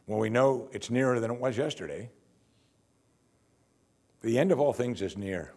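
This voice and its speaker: An older male pastor preaches from a church pulpit, lively, conversational and wry, picked up on a lapel mic. His voice is mid-range and his speed normal.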